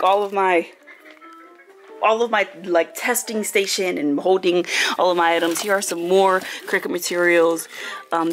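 Chatty congested woman on a noisy home vlog. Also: medium pitch. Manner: chatty and excitable, lots of fillers. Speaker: vlogger. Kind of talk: casual vlog room tour. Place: home room.

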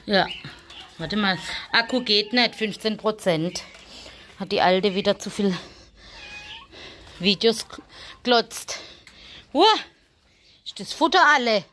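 Slow-talking woman in a noisy farmyard. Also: mid-range voice, expressive, sharp tone. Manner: chatty, talks to animals in a coaxing sing-song. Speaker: vlogger. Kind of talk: casual vlog commentary. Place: farmyard stable with animals.

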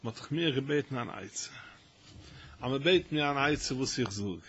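A man giving a Torah lesson as a rabbi, telling stories with halting restarts and rising to loud, emphatic stretches. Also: medium pitch, expressive. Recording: dull lo-fi recording with faint noise.

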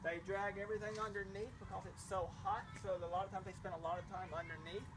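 A man's voice: high-pitched, flat delivery, fast talker, noisy background. A middle-aged man from a charity giving a casual, grateful vlog tour at a village well, speaking outdoors into a handheld camera. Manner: enthusiastic, grateful, explaining as he walks. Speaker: charity representative. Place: outdoors at a village well and a small new house.

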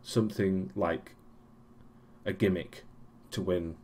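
Low-voiced man rambling through a vlog. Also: fairly even intonation, takes it slowly, darkish tone, a little hiss or hum. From Europe. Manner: rambling, many ums and restarts, dry sarcasm. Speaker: vlogger. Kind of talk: casual weekly vlog recap.

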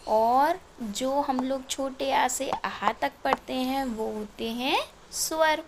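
Slow sing-song woman teacher. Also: high-pitched, noisy background. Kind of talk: children's vowel lesson.

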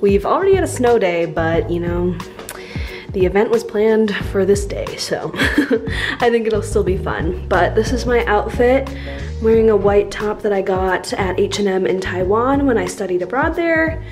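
A woman's voice: medium pitch, expressive, a little slow, a little mellow, soft background music. A woman in her early twenties vlogging casually, with a bubbly, giggly sorority-girl enthusiasm. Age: early 20s. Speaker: college student vlogger. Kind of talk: casual vlog talk to camera. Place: bedrooms, car and busy indoor rooms. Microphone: handheld camera at arm's length.

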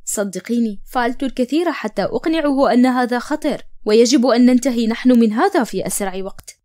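A woman voicing a steady young man giving orders. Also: on the high side, brisk, close to an everyday voice. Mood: urgent. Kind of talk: storybook narration.

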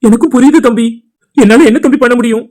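A man voicing a helpless middle-aged father in a cartoon drama, who speaks softly and with resignation. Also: very high voice, fast talker. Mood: resigned. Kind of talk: cartoon voice acting.

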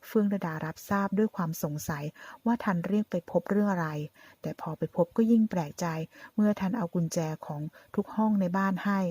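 A woman's voice: mid-range voice, a little mellow, dry recording. A woman narrating a drama story and reading all the characters' lines herself. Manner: reads every character's lines herself, with only small voice changes.

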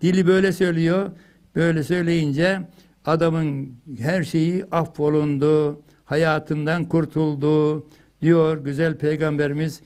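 Older man giving a lively religious lesson. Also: fairly high pitch, unhurried. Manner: lively storytelling, chanting phrases loudly for emphasis. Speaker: religious teacher.

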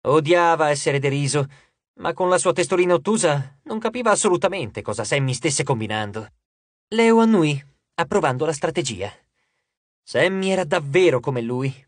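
Brief: male audiobook narrator, animated swooping delivery, dry close studio sound. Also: a little high, normal speed, dry recording. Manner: expressive storytelling. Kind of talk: scripted narration.

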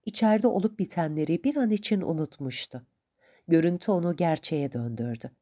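A woman narrating a novel for an audiobook in a calm, measured storytelling manner. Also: fairly low pitch.

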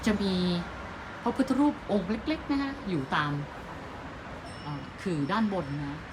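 A woman touring a temple on camera, explaining each spot with a friendly guide tone and soft polite endings. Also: mid-range voice, sing-song, measured pace. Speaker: travel vlogger guiding a temple visit. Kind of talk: casual travel vlog narration. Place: outdoor temple grounds. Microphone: handheld phone camera. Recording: noisy outdoor ambience with passing vehicles.

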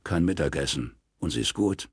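A man reading aloud, voicing a laconic, unbothered male detective in his own deep voice. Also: lively intonation, normal speed, vocal fry, slightly rough, dry recording, clean studio sound, full character voice. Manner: unbothered, terse.

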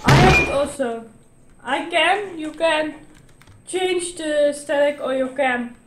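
High-voiced young woman, halting English. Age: young adult. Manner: halting, simple non-native English. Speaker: streamer reacting to clips. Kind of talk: casual reaction commentary. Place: indoor room at streaming desk. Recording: roomy, noisy audio with clip sound.

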